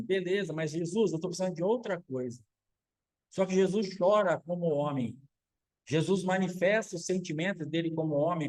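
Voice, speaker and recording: A man's voice: sits high, a little mellow, low-quality recording. A man, a pastor, preaching a sermon, asking rhetorical questions and acting out quotes.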